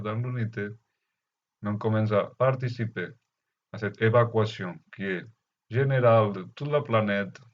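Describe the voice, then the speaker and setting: A man with a foreign Spanish or Catalan accent, speaking halting non-native French as he gives an unscripted spiritual message, often searching for words. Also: on the low side. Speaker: spiritual teacher. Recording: dull, lo-fi muffled sound.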